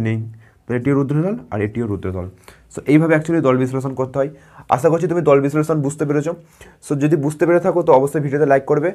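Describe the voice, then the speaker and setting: A man's voice: a little high, darkish tone. A man from West Bengal teaching a grammar lesson, patiently repeating words, sounding them out syllable by syllable and asking his students questions. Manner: drawn-out syllable-by-syllable pronunciation.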